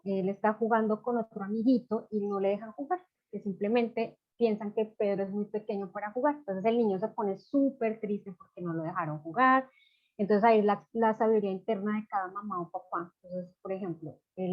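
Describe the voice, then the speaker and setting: A woman's voice: mid-range voice, highs cut off. A woman teaching parents in an informal online masterclass, talking loosely with many fillers. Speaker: parenting educator.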